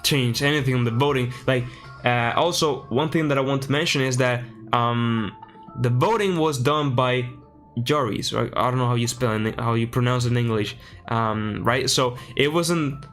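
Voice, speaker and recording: Male streamer, loose live chat, narrates his own fiddling with settings, mid-pitched, faint music underneath. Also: normal speed, fairly bright tone. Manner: chatty, thinks aloud while fixing settings. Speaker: streamer reacting to a livestream.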